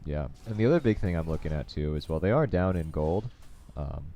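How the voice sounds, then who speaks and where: A man casting an esports match, giving steady analytical play-by-play with coaching asides. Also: very deep voice, fairly quick, slight background noise. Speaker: esports caster. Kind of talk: play-by-play game commentary.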